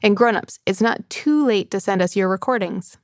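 A woman hosting a children's cooking podcast, reading scripted announcements and credits clearly and in a friendly way. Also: mid-range voice, moderate pace, no room sound, studio quality. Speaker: podcast host.

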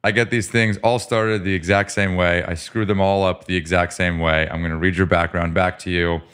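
A man's voice: deep voice, flat delivery, normal speed, fairly bright tone, clean tone. A man hosting a business podcast interview, upbeat and joking as he reads out his guest's background. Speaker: podcast host. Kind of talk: casual interview.

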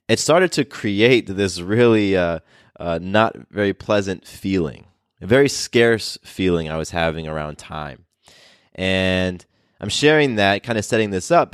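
Upbeat deep-voiced male podcast host. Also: dry recording, studio quality. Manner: upbeat, chatty, with fillers and restarts. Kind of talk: casual solo podcast talk.

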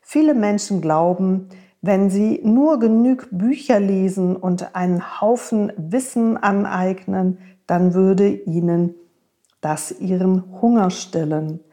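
A woman with a mid-range voice, lightly acting and taking her time, plays a wise, gentle horse speaking tenderly and reassuringly to a young friend.

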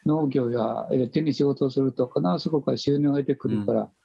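An older man with a hoarse, raspy voice, earnestly giving conversational life advice and circling back over his key phrases. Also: mid-range voice, a little fast, dark tone, no room sound, lo-fi sound. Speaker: teacher and author, podcast guest speaker.

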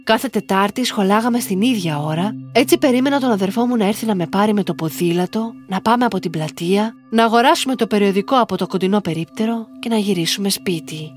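A woman reading a listener's first-person story aloud in slow, measured scripted narration. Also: mid-range voice, animated, soft background music.

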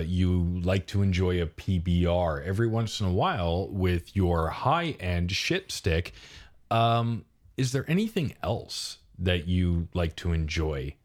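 A man with a fairly low voice co-hosting a comedic talk show. He keeps a mock-serious, deadpan tone and stretches his phrases with lots of fillers. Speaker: podcast co-host.

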